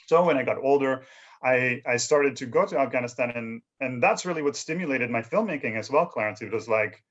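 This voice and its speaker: A man tells long stories at a middle pitch, easy and conversational. He often adds small tag questions as he goes. The sound is dull and lo-fi, like a video call. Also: brisk, a bit bright. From Canada. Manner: conversational, leans on "you know" and "right?". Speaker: filmmaker guest. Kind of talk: relaxed storytelling interview.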